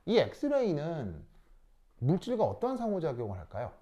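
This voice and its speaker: A man teaching a science class with a mellow, relaxed tone. His pitch swings up and down as he quizzes the room and teases his students, then drops low again. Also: moderate pace. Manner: lively, teasing, asks students questions. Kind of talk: classroom lecture.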